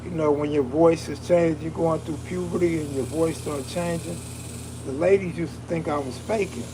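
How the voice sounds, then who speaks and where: Reading comments aloud on his casual live stream, a man chats in a relaxed, slang-heavy, streetwise style with a soothing, soulful sound. His pitch is fairly high, his intonation fairly even, and he talks at normal speed over a noisy background.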